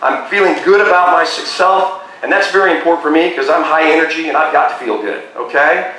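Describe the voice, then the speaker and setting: A middle-aged man giving an excitable personal testimony at a beachside church service, tagging many phrases with "okay?". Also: on the high side, fairly quick. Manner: excitable, keeps asking "okay?". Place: beach bar lounge, open-air service. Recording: echoey live sound from a distance.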